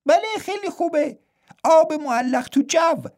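A storyteller voicing two cheerful monk twins in an audiobook, in a high, eager, chirping voice. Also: lively intonation, a little mellow. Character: twin monk pair, cheerful, chiming in together.

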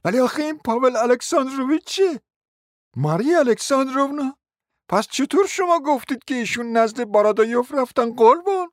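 Man voicing a mocking young lady, high sugary falsetto, teasing, lively swoops, dry audiobook sound. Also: no echo. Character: young woman, sweet-voiced and mocking.

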